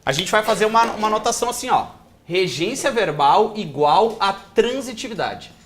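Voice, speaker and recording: Animated storytelling male teacher. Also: sits high, moderate pace, slight background noise. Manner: animated storytelling, acts out quoted voices. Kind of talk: classroom lecture with a told anecdote. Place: classroom.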